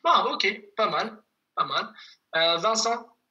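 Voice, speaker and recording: A language teacher giving an online lesson over a video call, patiently repeating words slowly for students. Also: medium pitch, expressive, pushed and bright, highs cut off.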